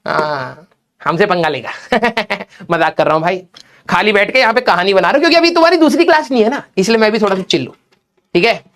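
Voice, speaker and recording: A man's voice: high-pitched, a bit bright. A young adult male teacher chatting to his students in a casual, joking way, telling a story and slipping in English phrases. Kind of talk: casual storytelling in an online class.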